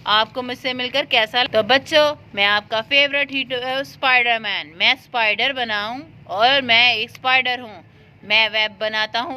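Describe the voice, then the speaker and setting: A woman voicing a cheerful, bragging male superhero in a doll play story, her voice dropped lower than her own. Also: pushed and bright, a little hiss or hum. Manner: bragging, sing-song. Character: cheerful boastful male superhero Spider-Man.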